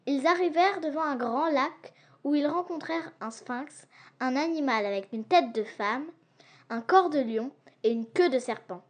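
A woman narrates an adventure audiobook with a high, clear voice. Her reading is lively and expressive, leaning into each turn of the tale. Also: normal speed. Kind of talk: storybook narration.

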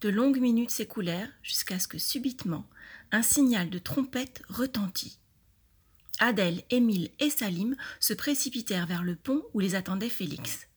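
A woman reading a children's mystery story aloud for schoolchildren, clear and expressive. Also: mid-range voice, moderate pace.

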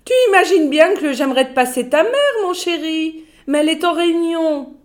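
A woman voicing a fussy, condescending secretary who gushes over the phone in a high sing-song voice. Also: moderate pace. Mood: gushing.

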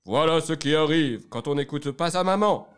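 Un homme qui joue un grand ours bourru dans un conte, d'une voix forte, lente et appuyée. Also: male voice, on the high side, clear, resonant tone, voice pushed up, close to an everyday voice. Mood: indignant. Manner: loud, slow, emphatic. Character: big booming papa bear, gruff.

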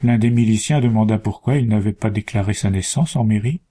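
A man reading a story aloud in a measured, deliberate storytelling manner. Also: lowish voice, dark tone. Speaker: narrator.

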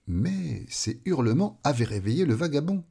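A man reading a children's story aloud in an expressive, playful way. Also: on the high side, normal speed, gravelly, husky.

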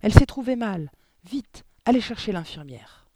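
A man's voice: high voice, animated, a little slow, dry recording, studio quality, voice pushed up. A man voicing a kind young female schoolteacher calling out urgently. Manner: urgent, raised voice.

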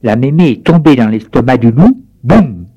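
A man reading a children's story aloud in a steady, clear voice. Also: mid-range voice, normal speed, highs cut off.

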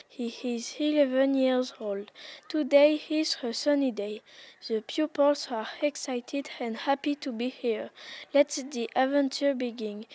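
A schoolgirl narrating the opening of a school play in a clear, announcing way. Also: high-pitched, a little mellow.

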